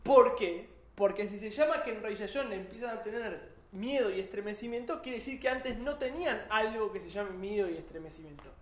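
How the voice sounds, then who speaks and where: A man's voice: sits high, fairly quick. A man with a Rioplatense Spanish accent teaching a Torah class, explaining ideas and asking the students questions. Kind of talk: religious class. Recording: echoey room.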